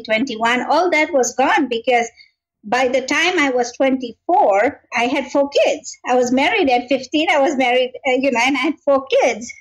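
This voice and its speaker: A woman in her fifties, originally from Kenya, speaks with a notably high voice. She tells her story in an earnest, reflective manner as an interview guest. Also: low-quality recording. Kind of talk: interview conversation.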